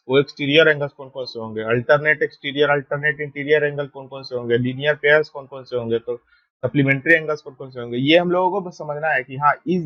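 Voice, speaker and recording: A man's voice: on the high side, no echo. Male math teacher, dull dry audio. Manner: steady, repeats "ठीक है" to check understanding. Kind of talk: explaining a lesson while drawing.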